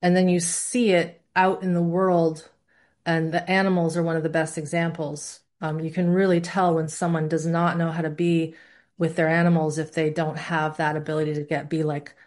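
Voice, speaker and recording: This course instructor has a deep, slightly mellow voice and a flat delivery at normal speed. Teaching a live class conversationally, she keeps checking in with her students, puts questions to the class, and demonstrates voices.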